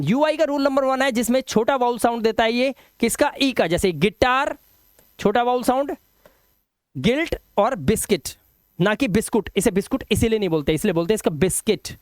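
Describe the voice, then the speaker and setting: A man's voice: very high voice, smooth, no room sound. Hindi-speaking male English teacher, dry close sound. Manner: drills words, asks and answers his own questions. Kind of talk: spoken English lesson.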